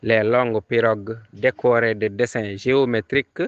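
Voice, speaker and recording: A man's voice: on the low side, fairly even intonation, moderate pace, clean tone. A man reading a dictation aloud, repeating each phrase several times and calling out the punctuation. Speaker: teacher giving a dictation. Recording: dull lo-fi recording.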